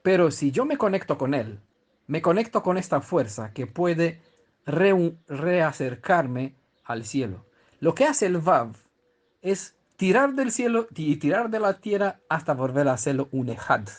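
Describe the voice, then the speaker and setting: A man gives a scripture lesson in a slightly higher-than-average voice. He talks conversationally, checks in with his listeners often, and restarts his sentences mid-thought. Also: very animated, unhurried. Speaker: Bible teacher. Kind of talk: explanatory scripture teaching.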